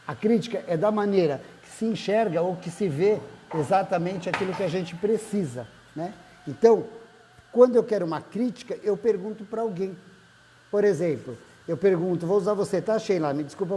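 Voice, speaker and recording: A man's voice: high-pitched, warm tone, a little hiss or hum, rough recording. A man, a therapist giving a conversational talk and checking in with listeners by name. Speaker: therapist and speaker. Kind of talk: live-streamed talk greeting viewers.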